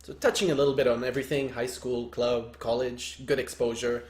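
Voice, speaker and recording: A man's voice: mid-range voice, level tone, fairly quick, a little mellow, roomy sound. A young man from Lebanon who co-hosts a soccer coaching podcast, chatting casually with dry jokes.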